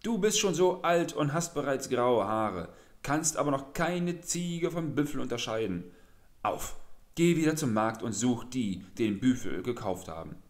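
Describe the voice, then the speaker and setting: A man voicing an indignant village wife who scolds loudly in a raised, shrill voice. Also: wildly swooping pitch, normal speed, roomy sound. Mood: furious.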